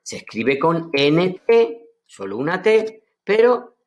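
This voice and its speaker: An Andalusian man gives an online language lesson in a somewhat high, very animated voice. He speaks at an unhurried pace, lingering on words and repeating them slowly. His enthusiasm comes through as he explains. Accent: Andalusian Spanish. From Seville, Spain. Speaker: Aramaic teacher.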